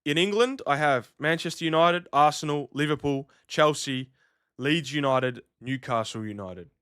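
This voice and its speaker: A man streaming live, half commentating a local football match and half chatting with his viewers, loose and talkative. His voice is smooth and clear, picked up close on a dry mic. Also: on the high side, moderate pace, a bit bright, no echo. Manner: chatty, loose, reacting to chat and soundboard clips.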